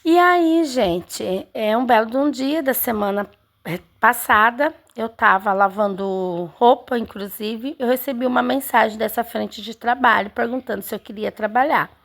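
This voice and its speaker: A talkative woman from the São of Brazil, telling her followers a story as if chatting with friends. Her voice sits a little high and carries a gravelly fry, and she keeps turning to her audience between thoughts. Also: moderate pace, fairly bright tone. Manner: chatty, keeps addressing viewers, many fillers. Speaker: home seamstress vlogger. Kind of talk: casual storytelling to viewers.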